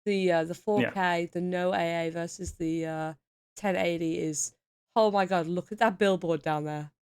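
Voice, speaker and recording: A woman chatting casually and reacting in an informal, expressive way as someone being taught. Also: fairly low pitch, normal speed, clean tone. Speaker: learner responding to an explanation. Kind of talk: casual chat.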